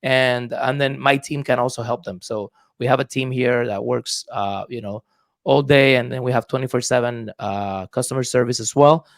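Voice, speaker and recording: The speaker is a Puerto Rican man with a Puerto Rican accent, a real estate investor appearing as a guest on a casual podcast interview. He talks at normal speed in a mid-range voice with vocal fry and fairly even intonation, hesitant and thoughtful with many fillers, and there's no echo.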